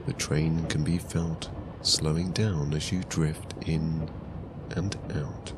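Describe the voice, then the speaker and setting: A man narrating a guided sleep story in a calm, soothing, hushed voice with long pauses. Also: extremely low pitch, background noise.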